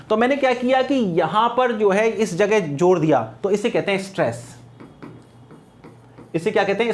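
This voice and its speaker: A man teaching an exam-prep class, asking his students questions and then answering them himself. He slows down carefully to spell out words and examples, then moves on in a steady classroom voice. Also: high voice. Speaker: English teacher.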